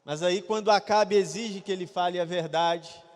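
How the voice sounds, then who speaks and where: A male pastor preaching a sermon in a church, retelling a Bible story with lively acted-out quotes. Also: high voice, moderate pace. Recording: reverberant church hall.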